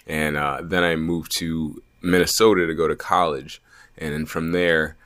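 A man's voice: rumbling low, little pitch movement, normal speed, a bit bright, no room sound. A man playing himself as a podcast host in a put-on British accent, speaking playfully with many filler words. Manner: playful, with self-conscious laughs and filler words. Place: fitness company studio.

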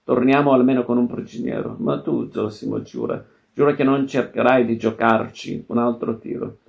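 A man reading aloud the lines of a quick-tempered adventurer, sounding exasperated. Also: medium pitch, steady tone, vocal fry, lightly acted. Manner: shouting, exasperated.

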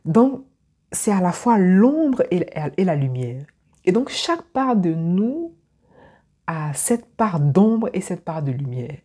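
Low husky woman. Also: sing-song, slow pace, dark tone. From Ivory Coast. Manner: reflective, repeats words while searching for them. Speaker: personal development speaker. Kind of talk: motivational talk to the viewer.

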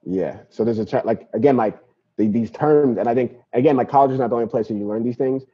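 A young Nigerian man, an activist appearing as a podcast guest, talks casually and reflectively about his life, often tossing in "you know" and "right?". His voice is medium-pitched and slightly rough, and he talks fast. The interview comes through as dull, lo-fi podcast audio.

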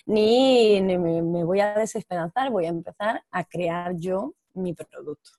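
Warm-toned actress talking candidly. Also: female voice, on the low side, measured pace, slight background noise. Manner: animated, candid, laughs between thoughts. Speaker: actress working abroad. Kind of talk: casual interview conversation.

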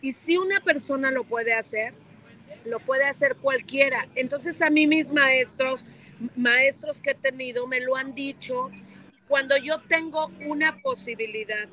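A woman's voice: high voice, a little slow, pushed and bright, slight background noise, low-quality recording. A woman on a podcast panel, talking emphatically and repeating her key words. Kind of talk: casual podcast panel talk.

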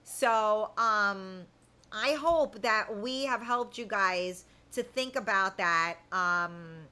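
Drawing out her words in a bright, forceful yet smooth mid-range voice, a woman in her fifties hosts a laid-back live chat. She speaks to viewers with candid, blunt, colloquial directness.

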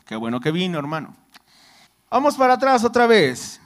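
A man delivers a sermon in a fairly high voice. He reads scripture aloud, then unpacks it conversationally and keeps checking that his listeners are following along. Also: big pitch swings, normal speed. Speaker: preacher.

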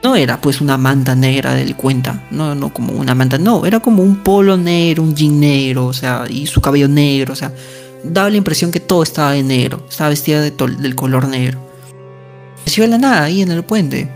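Storyteller, mid-pitched, chatty ghost-story retelling, faint music bed. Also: brisk, creaky, a little mellow. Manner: conversational, frequent tag questions and fillers.

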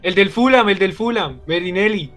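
A man in casual podcast banter, playful and teasing with quick exclamations. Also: high voice, a bit bright, soft background music. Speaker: podcast co-host running the game.

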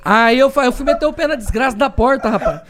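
A man telling stories in a casual podcast chat, rapid and profane, with vocal tics and word repetitions. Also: very high voice, fairly bright tone. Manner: rapid, profane storytelling with frequent swearing and apologies; vocal tics, repeats words compulsively. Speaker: podcast guest.

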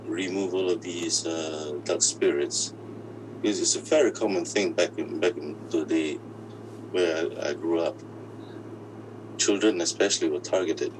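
A man whose voice has been disguised and pitched deep, telling his own story in an interview, halting and often restarting his words. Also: background noise. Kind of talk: personal account in an interview.

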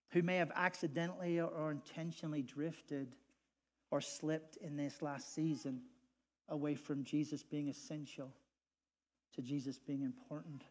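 A middle-aged man preaching a sermon as pastor, animated and joking, getting loud at punchlines. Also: fairly high pitch.

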